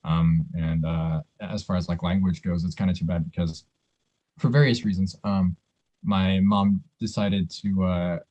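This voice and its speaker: A man with a very deep, mellow voice talks things over casually on a podcast. He rambles thoughtfully and pads his sentences with fillers. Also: fairly even intonation, unhurried, highs cut off. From United States.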